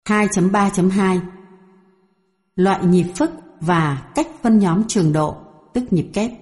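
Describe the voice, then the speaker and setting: A woman reads a music theory textbook aloud in a mellow, warm voice. Her delivery is even and measured, moving steadily through numbered items. The recording is dry and close. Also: medium pitch, slightly rough, no echo. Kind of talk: scripted textbook narration.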